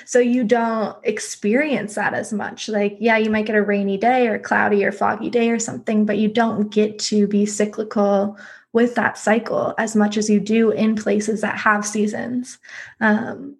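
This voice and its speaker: A woman's voice: mid-range voice, flat delivery, normal speed, vocal fry. A woman hosting a podcast, talking casually, chatty, with frequent laughs and lots of filler words. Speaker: podcast host. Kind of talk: casual conversation.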